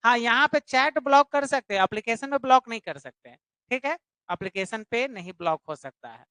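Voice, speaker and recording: Leading an English grammar lesson live online, this woman explains things, repeats points, and puts questions straight to her students. Her voice sits on the high side with lively intonation and a fairly bright tone, and she speaks fairly quickly. The recording is dry.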